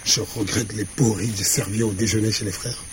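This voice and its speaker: A man playing a low-voiced dejected philosopher. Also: fairly even intonation, moderate pace, background noise, close to an everyday voice. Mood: downcast. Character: dejected male philosopher, weakened. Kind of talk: radio drama acting.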